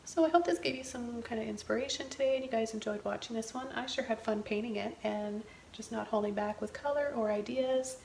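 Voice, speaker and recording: A woman giving a casual step-by-step painting tutorial as a gentle, easygoing instructor. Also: fairly high pitch, fairly quick, creaky. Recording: roomy echo, faint background noise.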